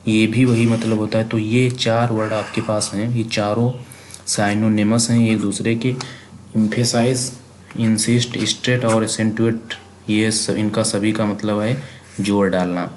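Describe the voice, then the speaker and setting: Low, flat-voiced Indian man teaching vocabulary. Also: measured pace, a little hiss or hum. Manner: repetitive, asks and answers his own questions. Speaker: exam prep teacher. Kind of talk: vocabulary lesson, spelling words aloud letter by letter.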